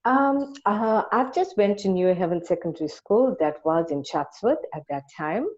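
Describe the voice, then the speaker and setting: Being interviewed as a guest, this Durban entrepreneur speaks in an animated, slightly mellow voice of medium pitch and at normal speed. She replies in a conversational way, earnest and full of enthusiasm. The audio is lo-fi and dull.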